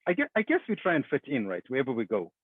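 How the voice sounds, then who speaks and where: A man from Zimbabwe hosting a relaxed, friendly interview over a remote call. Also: mid-range voice, very fast, husky, no echo. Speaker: podcast host. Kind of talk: casual interview chat. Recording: phone-like remote call audio.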